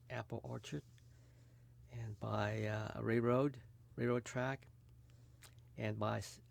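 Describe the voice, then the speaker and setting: A man in his eighties, from California, recalling his childhood for an oral history recording, halting often with fillers. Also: on the low side, creaky. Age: 80s. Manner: hesitant, many fillers. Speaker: interviewee. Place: recording booth.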